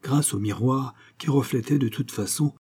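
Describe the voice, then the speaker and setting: A man narrating a classic novel as an audiobook, in a measured storytelling manner. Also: medium pitch, a little mellow, husky.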